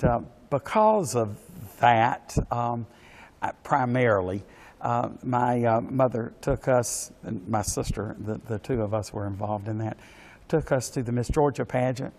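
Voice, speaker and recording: A man in his sixties, an official from a pageant organization, gives polite answers as an interview guest. His mid-range voice is a little mellow, and he speaks haltingly and hesitantly, with many pauses and repeated words.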